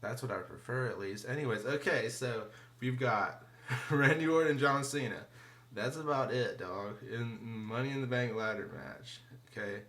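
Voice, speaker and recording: A man's voice: medium pitch, normal speed, fairly bright tone. A man rambling through a casual wrestling review, profane and slangy, full of fillers and often trailing off into mumbles. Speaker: wrestling vlogger.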